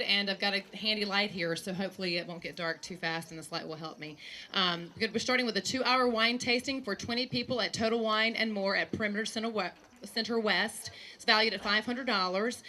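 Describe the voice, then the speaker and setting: Bright, upbeat woman announcing auction lots. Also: medium pitch, a little fast, slight background noise. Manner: upbeat, reads item details aloud. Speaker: auction emcee.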